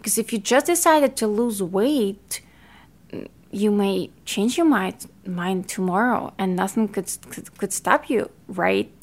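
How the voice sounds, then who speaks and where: A woman's voice: mid-range voice, expressive, slow. A woman from Ukraine with a Ukrainian accent, a non-native English speaker, hosting her own podcast in an earnest, chatty way with small grammar slips. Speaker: podcast host, fitness coach. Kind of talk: casual solo podcast talk.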